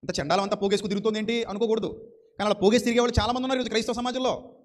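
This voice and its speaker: Fast, high-voiced man preaching a sermon. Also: steady tone. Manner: fervent, rhetorical questions and repetition.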